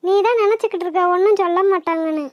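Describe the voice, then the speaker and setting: A shrill, fast-talking cartoon college girl, sharp-tongued and touchy. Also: no echo, highs cut off. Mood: tearful. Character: young woman college student Anandhi, quick-tempered and tearful. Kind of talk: cartoon voice acting.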